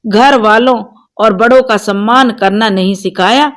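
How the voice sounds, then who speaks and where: A woman's voice: on the high side, measured pace, natural voice. A woman doing a stern, demanding mother-in-law. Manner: demanding, disapproving. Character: stern fussy middle-aged woman, prospective mother-in-law.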